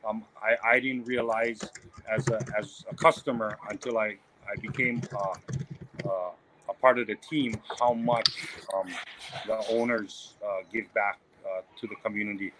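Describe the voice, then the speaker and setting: A man from Maui, a restaurant manager, chatting casually with frequent pauses and fillers. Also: fairly low pitch, noisy background. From Maui, Hawaii. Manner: relaxed, hesitant, many fillers. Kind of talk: casual chat.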